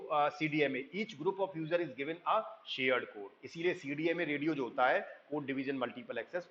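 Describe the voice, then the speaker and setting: A man with a slightly raised voice gives a recorded lecture, explaining step by step and reading English lines from slides slowly. He keeps checking understanding as he goes. The sound is dull and muffled. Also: a little high, fairly bright tone. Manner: explains in Hindi, reads English lines slowly, frequent "thik hai" checks.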